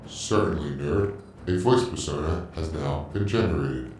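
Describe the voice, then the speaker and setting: A man voicing a calm, menacing male AI home assistant who speaks in a measured, cold way. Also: very deep voice, a little hiss or hum. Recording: heavily echoey, distant voice with faint music.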